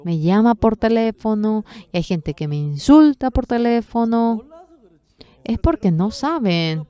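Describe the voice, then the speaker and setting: Slow, dark-voiced woman interpreting a sermon. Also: a little high, expressive, clean tone.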